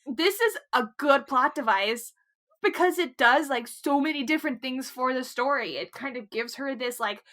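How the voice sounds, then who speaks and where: A woman with a high, bright voice co-hosts a casual book chat. She talks animatedly, swears freely and laughs often. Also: moderate pace. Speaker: podcast co-host.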